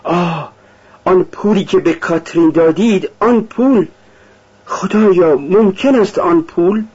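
A man's voice: mid-range voice, big pitch swings, darkish tone, breathy edge, highs cut off. A man reading an audiobook, voicing a timid, devout young woman with a raised, pleading voice.

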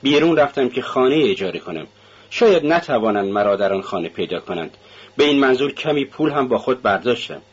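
A man's voice: medium pitch, lively intonation, husky. A man voicing a feverish, suspicious young man under questioning, talking tensely and bitterly, brooding half to himself. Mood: provocative. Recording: dull lo-fi radio recording.

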